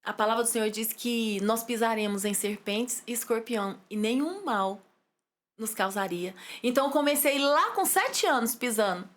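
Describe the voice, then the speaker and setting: A Brazilian woman, a psychologist and pastor, telling her life story in an interview with fervent, animated energy. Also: fairly high pitch, normal speed. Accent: Brazilian Portuguese. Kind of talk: testimony interview.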